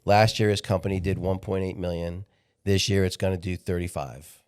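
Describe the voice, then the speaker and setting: A man's voice: deep voice, level tone, darkish tone, smooth. A man of sixty, a podcast guest talking candidly in a casual interview, often restarting his sentences. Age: 60s. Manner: candid, halting, repeats words when restarting.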